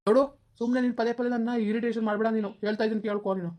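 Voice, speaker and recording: A woman's voice: fairly high pitch, flat delivery, lo-fi sound, close to an everyday voice. A woman playing a snappish, irritable young husband. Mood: irritated. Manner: snappish, scolding, quick-talking. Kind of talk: village comedy skit.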